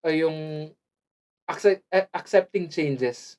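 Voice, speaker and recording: Casual podcast co-host, chatty, laughs a lot, mid-pitched voice, switches into english mid-sentence, pauses hunting for words. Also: darkish tone. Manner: laughs often, mixes English into Tagalog, searches for words. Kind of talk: casual chat.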